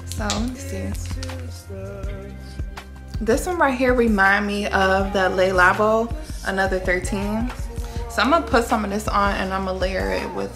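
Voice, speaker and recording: Chatty young woman with a gravelly edge. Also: mid-range voice. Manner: chatty, rambling, self-correcting. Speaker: vlogger. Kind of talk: casual get-ready-with-me vlog talk. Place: bedroom at home, then a gym locker room.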